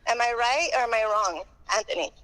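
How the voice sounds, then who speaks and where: A woman's voice: a little high, animated, brisk, fairly bright tone, low-quality recording. A woman calling in on speakerphone, an outspoken publicist chatting casually and asking blunt questions. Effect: heard over a phone on speakerphone. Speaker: boxing publicist and marketing manager calling in. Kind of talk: casual call-in chat. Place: at an airport before a flight.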